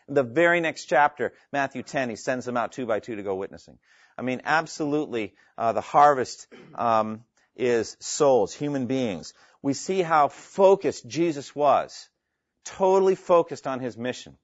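A man's voice: medium pitch, dry recording. Earnest guy lecturing a class, pushes hard on key points, muffled dry recording. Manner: earnest, emphatic, quotes scripture with rising intensity. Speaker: seminary instructor.

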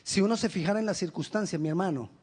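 Emphatic pastor, fairly high voice. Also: male voice, slightly rough. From Colombia. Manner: emphatic, direct preaching with rhetorical questions; animated storytelling with quick asides. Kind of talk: sermon.

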